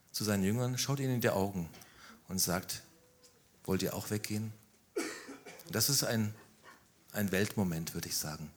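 A man preaching a sermon, telling the story with animated emphasis and rhetorical questions. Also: lowish voice.

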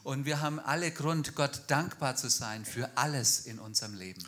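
Bright-voiced male church interpreter. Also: mid-range voice, moderate pace. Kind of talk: live consecutive interpreting in a church.

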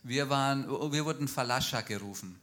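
A man interpreting a speaker line by line at a church, fluent and quick. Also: medium pitch, a bit bright. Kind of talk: live consecutive interpreting in a church.

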